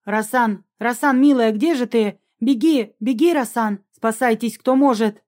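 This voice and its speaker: Lady reading a panicky village dad yelling for help, kinda high, soft mellow tone. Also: a little slow, natural voice. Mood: panicked. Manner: loud, pleading, breathless shouting. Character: frantic panicking village man, father.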